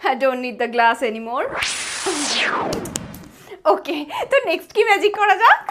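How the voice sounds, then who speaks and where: A woman's voice: high-pitched, sing-song, takes it slowly, heavily acted. A young woman playing an elder daughter stuck as a clumsy lamp genie in a family comedy skit, talking in a dramatic, whiny, theatrical way. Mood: playful. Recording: music playing under the voice. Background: background music.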